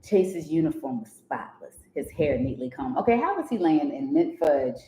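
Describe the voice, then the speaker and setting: A woman's voice: low voice, normal speed, roomy sound, slight background noise, low-quality recording. A woman from Maryland reading a story aloud and breaking off to joke and critique it. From Columbia, Maryland. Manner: animated, joking, interrupts to critique. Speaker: podcast co-host.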